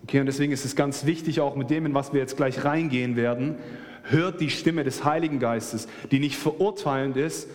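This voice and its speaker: A man's voice: medium pitch, a little fast, darkish tone, big-room sound. A man preaching a sermon with passion, speaking straight to his listeners. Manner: impassioned, addresses the listeners directly.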